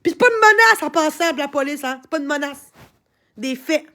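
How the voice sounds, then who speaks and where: Woman, Québécois accent, very high voice, shouting, swearing, tearful, livestream rant. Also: animated, a little fast. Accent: Québécois French. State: upset, crying at times.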